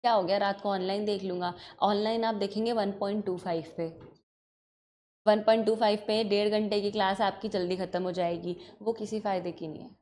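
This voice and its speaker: A woman's voice: mid-range voice, fairly even intonation, fairly quick, a little mellow, slight background noise. Earnest woman law teacher. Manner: earnest, scolding yet caring, mixes Hindi and English. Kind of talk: classroom talk to students. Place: classroom.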